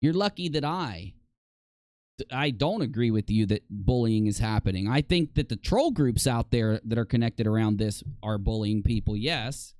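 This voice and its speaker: A man's voice: lowish voice, animated, moderate pace, a little mellow, no echo. A man hosting a live stream, ranting in exasperated, heated commentary as he reads posts aloud. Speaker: livestream host.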